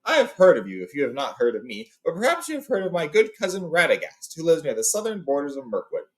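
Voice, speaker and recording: A man's voice: fairly high pitch, wildly swooping pitch, fast talker, pitched above the performer's own voice, poor audio. A man voicing a courteous, authoritative old wizard in a storybook, speaking formally and with emphasis. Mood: politely introducing. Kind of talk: storybook read-aloud character.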